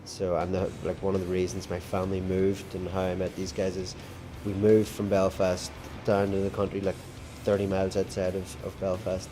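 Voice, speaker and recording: A man's voice: deep voice, completely flat delivery, moderate pace, hardly any pauses, over music. A man with a Northern Irish accent, a rock band drummer, telling stories in a casual interview chat with plenty of fillers. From Northern Ireland. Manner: chatty storytelling with fillers.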